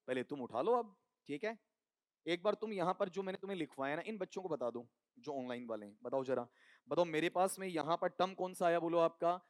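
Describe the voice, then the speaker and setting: A man's voice: fairly high pitch, no room sound, clean studio sound. A man teaching an exam coaching class, quizzing students with call-and-response questions. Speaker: English teacher.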